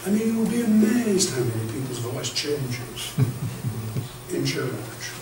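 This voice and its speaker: Taking it slowly but sounding very animated, an older man with a medium-pitched voice leads a clergy training session as their bishop, often repeating himself with stammers as he shares anecdotes. Captured by a camera far away in a reverberant, classroom-sized room with a projector screen, the audio has faint hiss.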